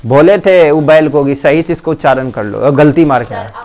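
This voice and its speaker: A man's voice: fairly high pitch, a little mellow. A male teacher with a Bihari accent giving a classroom lesson, sounding out letters and quizzing his students. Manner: drills sounds slowly, quizzes students often. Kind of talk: classroom Hindi pronunciation lesson.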